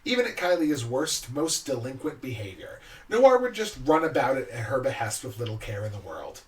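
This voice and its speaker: A man co-hosting a podcast, casually chatting about his tabletop game characters in a relaxed, explanatory way. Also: medium pitch, normal speed. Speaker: podcast co-host. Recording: distant mic with faint background noise.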